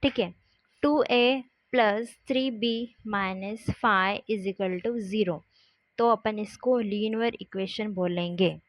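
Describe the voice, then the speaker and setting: A woman teaching a maths lesson, explaining step by step and often pausing to check that the class is following. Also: medium pitch, dry recording. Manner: patient, repeats "ठीक है" to check along. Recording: dull lo-fi sound.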